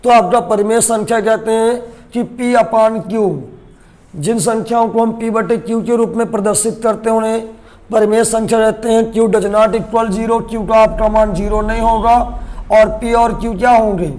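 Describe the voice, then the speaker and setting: A man with a very high speaking voice teaches a math lesson to students. He poses questions and answers them himself. He slows down to repeat the key terms. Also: steady tone, a little mellow. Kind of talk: classroom-style lesson to camera.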